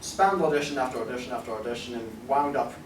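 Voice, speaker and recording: A young British man talks fast at a medium pitch, chatting casually and unscripted on a convention panel, rambling, joking and swearing. He's a panelist who voices amateur audio dramas. A distant camera mic catches him indoors in the panel room, so the recording is roomy, noisy and far off.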